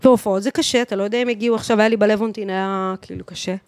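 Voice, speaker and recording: Studio-quality audio with no echo captures a mid-range female voice. The speaker, an Israeli-accented singer, DJ and voice teacher of thirty-one, is a podcast guest talking casually and emphatically, full of slang and English profanity.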